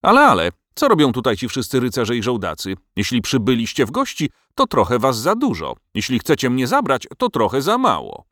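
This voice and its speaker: A man's voice: medium pitch, wildly swooping pitch, fairly quick, few pauses, a bit bright, dry recording, clean studio sound, voice pushed up. A man voicing a bold, cheerful farmer who teases a king in a storybook reading. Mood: cheeky. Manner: cheerful, teasing, stubborn.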